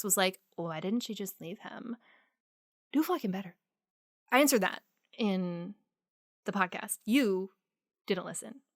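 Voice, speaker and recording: A woman's voice: medium pitch, fairly bright tone, no echo. Woman, true crime podcast host, casual monologue, impassioned, profane, dry close sound.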